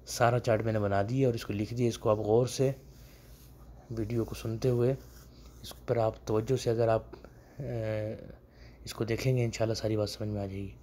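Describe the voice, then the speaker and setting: A man giving a video lesson on spoken Arabic dialect, explaining phrases patiently and repeating each one slowly with emphasis. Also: lowish voice, flat delivery, dark tone, slight background noise.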